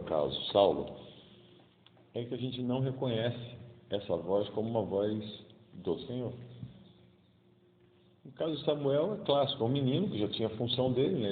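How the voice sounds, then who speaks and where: A man's voice: on the low side, slight background noise. A man in his fifties with a Carioca accent gives a casual, colloquial daily homily and acts out the voices in the stories he tells. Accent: Carioca Brazilian Portuguese. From Rio de Janeiro, Brazil. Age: 50s. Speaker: preacher. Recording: tinny, echoey hall sound.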